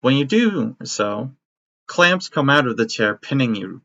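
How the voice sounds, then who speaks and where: A man acting as game master, narrating a tabletop game in a steady, descriptive way. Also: mid-range voice, unhurried. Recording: dry, slightly muffled audio.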